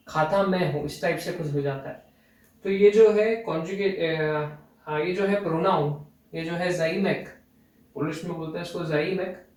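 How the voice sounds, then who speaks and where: A man giving a casual lesson, explaining step by step and repeating words for practice. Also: high voice. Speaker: language teacher. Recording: very echoey room, voice from far off.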